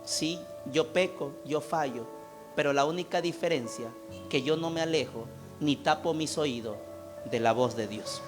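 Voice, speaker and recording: A man preaching a sermon as pastor in a church, impassioned, swinging from loud calls to hushed appeals. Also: a little high, measured pace, over music.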